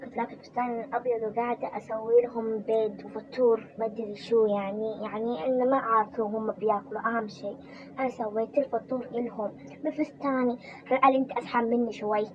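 A woman's voice: on the high side, level tone, quick pace, close to an everyday voice. A woman voicing a weary young wife in a toy role-play drama, chatting and complaining about her in-laws. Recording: muffled with background noise.

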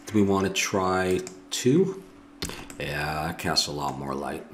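Working through a 3D modeling tutorial at his home desk, a middle-aged man with an Ottawa Valley Canadian accent thinks out loud, muses, and keeps fixing his own mistakes. He speaks slowly in a low voice, with slight noise behind him.

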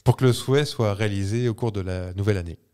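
A man co-hosting a casual podcast reads out true-or-false quiz facts playfully and teasingly, chuckling often. His voice is on the low side, mellow and smooth, and he talks quickly.

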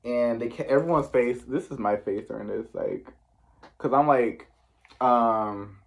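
A man with a medium-pitched voice and vocal fry recaps a reality show at an unhurried pace. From the US East Coast, he's chatty and sassy in casual conversation, full of "like" and slang asides.

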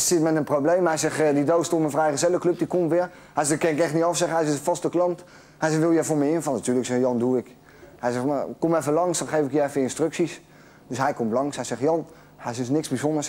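A man's voice: fairly high pitch, fairly even intonation, dark tone. A man telling a long joke about a café owner, laughing as he goes. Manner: rapid, laughing while telling. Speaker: joke teller.

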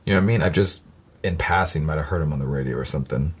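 A man's voice: extremely low pitch, very fast, breathy edge. A young man casually rambling to camera before a music reaction, swearing freely and laughing easily. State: has hiccups.

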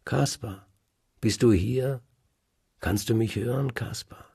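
A man voicing a fierce, bold innkeeper's wife in a storybook tale, raising his voice higher for her. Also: moderate pace, gravelly, slightly rough, no room sound, exaggerated voice. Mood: urgent. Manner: bold, loud calls. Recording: dry close recording.

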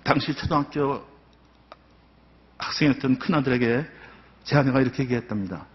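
A man's voice: medium pitch, fairly quick. An older man shares his personal testimony in earnest, heartfelt storytelling. His voice rings out with a long hall reverb. The sound is dull and muffled. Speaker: church elder giving testimony. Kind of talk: personal testimony at a dawn prayer service. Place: church sanctuary.

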